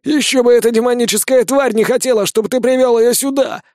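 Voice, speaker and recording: A man voicing a hostile gray-bearded old dwarf who shouts and speaks with contempt. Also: high voice, a little fast, no room sound, studio quality, voice pushed up, close to an everyday voice. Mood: angry alarm.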